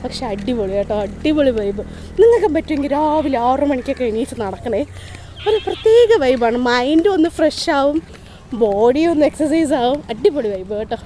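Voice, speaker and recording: High voiced woman, chatty walking vlog, repeats herself, bit of street noise behind. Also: animated, moderate pace, warm tone. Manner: repeats herself, addresses viewers directly. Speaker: vlogger. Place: outdoors on a seaside roadside. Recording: outdoor street ambience and traffic noise.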